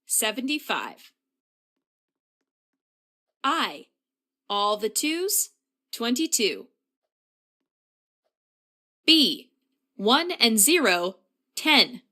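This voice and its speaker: A woman with a high, bright voice calls bingo numbers very slowly and deliberately. Her pitch swings in a lively way as she delivers each call in the set phrasing of a bingo caller.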